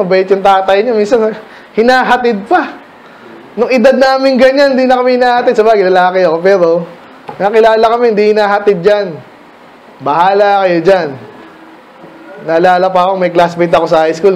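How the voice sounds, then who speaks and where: A middle-aged Filipino pastor giving a casual Bible study talk to children, questioning listeners by name. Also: male voice, sits high, a little mellow, a little hiss or hum.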